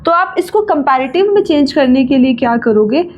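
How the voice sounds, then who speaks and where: An Indian woman teaching grammar, reading rules slowly in English, then explaining in Hindi and asking checking questions. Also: sits high, lively intonation, lo-fi sound.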